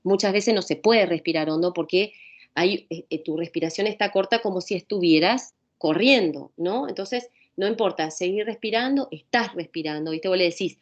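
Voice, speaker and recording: A woman with a Rioplatense Spanish accent giving an informal pharmacology lecture. She talks conversationally, repeats calming phrases and often asks rhetorical questions. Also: lowish voice, normal speed, highs cut off.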